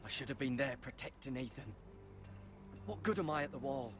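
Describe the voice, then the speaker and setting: A man's voice: medium pitch, expressive, brisk, over music, natural voice. An actor playing an earnest young man sworn to a frontier guard in a video game, wry and wondering. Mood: troubled.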